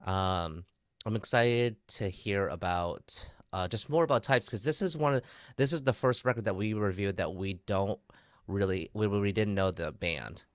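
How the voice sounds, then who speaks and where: A man's voice: on the low side, normal speed, clean tone, no room sound, clean studio sound. A man co-hosting a live podcast, eagerly laying out questions for a guest. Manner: upbeat, eager interviewer. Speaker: podcast co-host. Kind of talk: casual live-stream chat.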